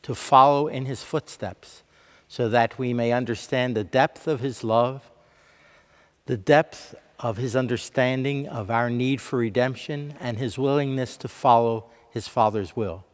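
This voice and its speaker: Male celebrant, mid-pitched, calm and reflective, lingering church reverb. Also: a little slow. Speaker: celebrant leading prayer. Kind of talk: liturgical prayer leading. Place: large church. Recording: church sound with long reverb.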